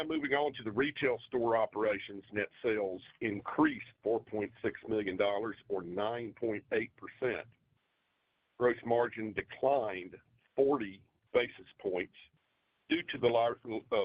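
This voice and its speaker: A company finance executive delivers a scripted financial report on an earnings call, formal and businesslike. His voice is lowish and his pace measured. The conference call audio is dull and dry, with no echo.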